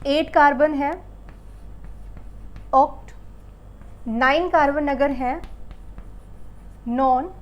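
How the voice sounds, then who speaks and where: A woman with a high voice teaches a school chemistry lesson. She quizzes the class with questions, answers them herself and drills the terms by repeating them. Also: steady tone, very slow, pauses often, highs cut off. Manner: calls the pupils beta and bachche.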